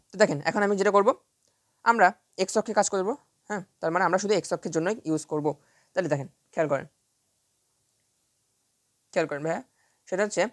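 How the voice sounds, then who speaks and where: A woman teaching a physics lesson in a casual way, repeating each step and checking often that students follow. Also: lowish voice. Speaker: physics tutor. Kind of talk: online lecture working through a problem.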